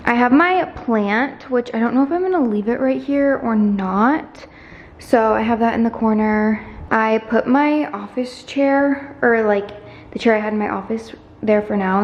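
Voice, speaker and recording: A woman's voice: fairly high pitch, measured pace, muffled recording. Gushing young woman in an echoey room. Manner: chatty, gushing, many "like" fillers. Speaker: vlogger. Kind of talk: casual vlog narration. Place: empty apartment, indoors. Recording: echoey empty rooms, faint background noise.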